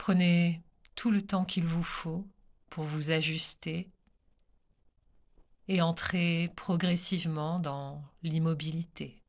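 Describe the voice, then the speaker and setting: A yoga nidra teacher with a low voice guides a meditation practice. She talks very slowly and calmly, giving short, soothing instructions, with pauses between her measured phrases.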